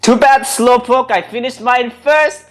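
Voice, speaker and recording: A player voicing a gleeful, taunting, excitable tinkerer adventurer in a mad-scientist manner, at a tabletop game. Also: mid-range voice, a little slow, faint music behind, pitched above the performer's own voice, close to an everyday voice.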